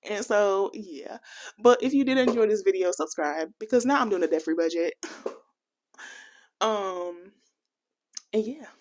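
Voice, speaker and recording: In a budgeting vlog, an American woman chats casually in a slightly high voice, animated and playful. She laughs often and slips into a Jamaican accent for comic bits.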